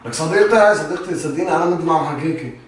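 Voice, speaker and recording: Man, rapid, evasive prank-vlog host; distant mic, echoey room. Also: fairly high pitch, animated, a little hiss or hum. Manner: defensive, evasive, laughing off accusations. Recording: roomy echo, far from mic.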